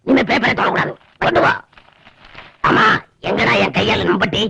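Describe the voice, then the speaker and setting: An actor playing a boastful armless groom in a comic film, brash and indignant. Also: male voice, high voice, moderate pace, gravelly, pushed and bright, husky, exaggerated voice. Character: boastful armless man, fortune-hunting groom.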